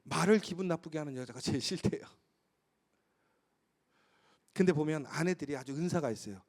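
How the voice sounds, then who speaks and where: Preaching a sermon, a male pastor speaks fast in a fairly high voice, with an emphatic, lively storytelling style and the occasional laugh. He often turns to the congregation with rhetorical questions.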